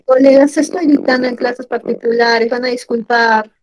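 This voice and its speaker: A woman teaching grammar in an online class, animated and asking her students questions often. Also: a little high, moderate pace, slight background noise, low-quality recording.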